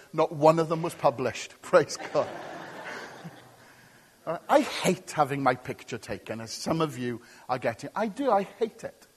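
A man's voice: a little high, breathy edge. A male pastor preaching a sermon with emphatic, repetitive short phrases and casual asides to his congregation. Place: church. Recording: long church reverb.

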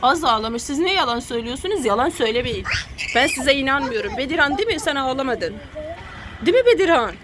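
Brisk bossy mother hurrying kids. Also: high-pitched, big pitch swings. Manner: bossy, hurrying children along, teasing. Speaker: mother and family channel host. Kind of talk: casual family vlog. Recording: street noise clearly behind.

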